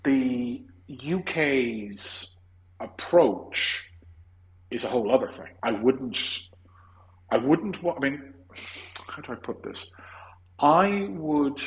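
A man's voice: mid-range voice, animated, takes it slowly, dull audio. An Irish man hosting a casual podcast discussion, opinionated and rambling, restarting his sentences often. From Ireland. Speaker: podcast host.

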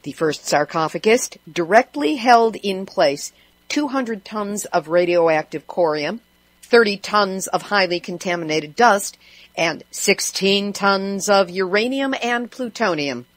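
A woman's voice: medium pitch, expressive, a little slow, dry recording. A woman hosting a radio show who reads news items and adds sarcastic, wry asides. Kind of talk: news commentary.

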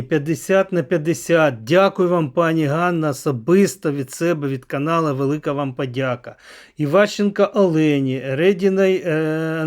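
Slow-spoken man hosting a political vlog. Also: on the high side. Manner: slow, drawn-out delivery, dropping to a near whisper. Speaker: channel host. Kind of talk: political vlog commentary and donor thanks.

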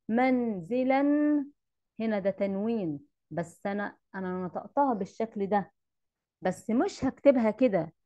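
A woman's voice: mid-range voice, warm tone, dull audio. A woman teacher with an Egyptian accent, giving an online lesson, patiently repeating rules and quizzing her pupils. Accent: Egyptian Arabic. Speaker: Arabic teacher. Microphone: computer mic in an online class.

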